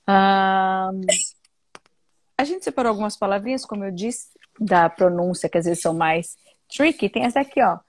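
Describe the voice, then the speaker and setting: A woman's voice: mid-range voice, moderate pace, no room sound. A woman with a Brazilian accent hosting a casual live English lesson, chatting with viewers and mixing English words into her Portuguese.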